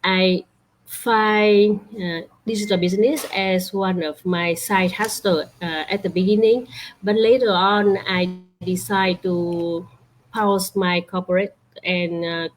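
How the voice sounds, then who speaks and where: A woman from Vietnam hosting an online talk, halting and full of fillers over a video call. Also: mid-range voice, a little hiss or hum. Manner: slow, halting, many fillers. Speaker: host. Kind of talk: online interview introduction.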